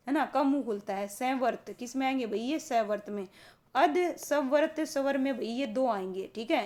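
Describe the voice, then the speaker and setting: Her voice on the high side and a little mellow, a teacher runs a grammar lesson for students preparing for exams, asking the class questions she then answers herself and slowing to emphasize key terms.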